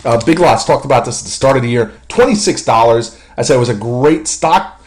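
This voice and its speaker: Male market commentator walking through charts; confident, quick, chatty delivery. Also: mid-range voice. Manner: confident, quick, with frequent uh fillers. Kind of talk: screen-share chart walkthrough.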